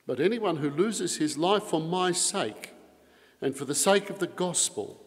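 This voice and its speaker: A priest reads the gospel at Mass and then preaches a homily, earnestly and strongly emphasizing key phrases. His voice is on the high side and expressive, at a measured pace. The long reverb of a large church carries his words.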